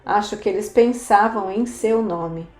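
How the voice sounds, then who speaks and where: A woman reading the lines of a frank, dry older priestess in an audiobook, speaking in a measured way. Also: medium pitch, a little mellow, lightly acted. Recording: roomy echo, faint music.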